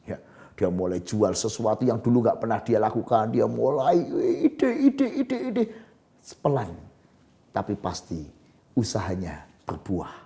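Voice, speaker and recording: A male pastor preaching a sermon in a low voice. His pitch swoops widely, dropping to hushed murmurs and rising to loud exclamations.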